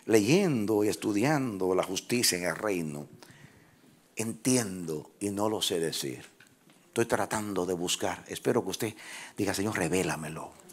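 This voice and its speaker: A man preaching a sermon as pastor, who leads his congregation in call-and-response and rises into shouted, half-sung phrases. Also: on the low side, slightly rough. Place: church with congregation.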